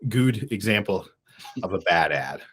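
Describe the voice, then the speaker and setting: A man with a fairly low voice talks through ad design on a casual podcast. He wanders, restarts his sentences and fills gaps with ums. Now and then he laughs at himself. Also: expressive, unhurried, a bit bright, slightly rough. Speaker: podcast co-host. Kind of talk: casual podcast chat about advertising.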